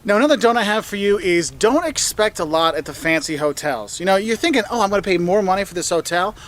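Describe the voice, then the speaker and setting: A man's voice: animated, fast. A man giving upbeat travel tips, his voice jumping up for quoted phrases. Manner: enthusiastic, jumps up in pitch for quoted phrases. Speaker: travel video host. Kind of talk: travel advice video.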